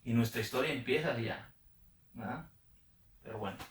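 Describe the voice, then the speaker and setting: Reading Bible passages aloud and then unpacking them, a man teaching a study group checks on his listeners with frequent questions. He speaks in a mid-range voice at normal speed, captured by a distant mic with roomy echo.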